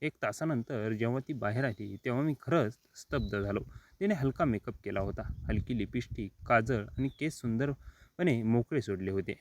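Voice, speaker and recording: A man reading a first-person story as scripted narration, steady and even. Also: medium pitch, moderate pace, a little hiss or hum.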